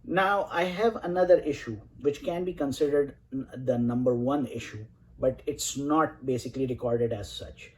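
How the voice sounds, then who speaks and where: A man's voice: mid-range voice, normal speed, poor audio. A man in his forties from Saudi Arabia, showing his comic collection in an enthusiastic, rambling way with many fillers. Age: 40s. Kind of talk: casual collection showcase.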